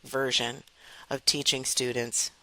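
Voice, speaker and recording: A woman hosting her own podcast, talking earnestly and enthusiastically with clear enunciation. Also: very deep voice, level tone, takes it slowly, pushed and bright, no room sound, poor audio. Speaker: podcast host. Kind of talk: solo podcast talk.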